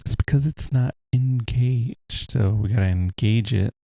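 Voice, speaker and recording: Unhurried and with vocal fry, a deep-voiced man gives a relaxed tech tutorial over a screen recording, his explanations wandering and full of fillers. He's recording at home beside a running heater on a USB desk mic without a pop filter, with no echo.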